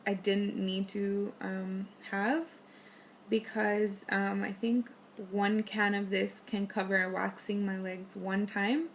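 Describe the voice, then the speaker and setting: Gushing young woman vlogger, gravelly voice. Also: mid-range voice, slight background noise. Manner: chatty, gushing, many ums and likes. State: losing her voice. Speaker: beauty vlogger. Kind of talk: casual product favorites chat.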